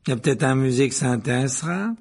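A man's voice: mid-range voice, very fast, breathy edge, voice pushed up. A man voicing a haughty, sneering teenage boy wizard who drawls his mockery. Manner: drawling, mocking.

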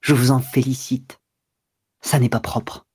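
A man's voice: mid-range voice, little pitch movement, unhurried, a little mellow, slightly rough. A man reading aloud, voicing an insolent, defiant wife who speaks with cool mockery in his own register. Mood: cool insolence.

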